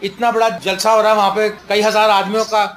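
A man's voice: high-pitched, little pitch movement, a bit bright, a little hiss or hum. A male pastor delivering a fervent sermon, swinging between stern warnings and joking stories.

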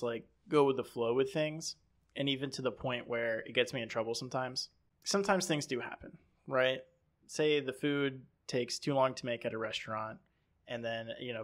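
Man in casual podcast chat, mid-pitched voice, rambling, acts out quotes. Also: fairly bright tone. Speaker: podcast co-host.

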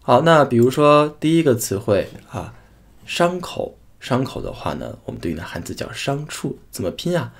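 A man teaching a pronunciation lesson, saying each sound twice in slow, drawn-out demonstrations. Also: medium pitch, sing-song, creaky. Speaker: language teacher.

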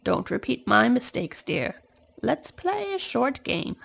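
A woman voicing a wise, kindly old man in a children's storybook reading, giving gentle advice. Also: a little high, sing-song, slow, creaky, voice pushed up, full character voice. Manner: gentle, advising, urging.

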